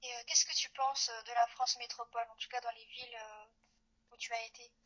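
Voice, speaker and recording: A woman interviewer asking casual questions, hesitating and pausing as she phrases them. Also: on the high side, level tone, bright, forceful tone, dull audio.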